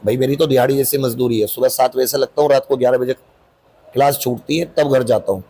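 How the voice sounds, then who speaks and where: Husky-voiced teacher guy, defensive and rambling, keeps pushing his point. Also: medium pitch, steady tone, quick pace, warm tone. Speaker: coaching teacher. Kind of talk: interview answers.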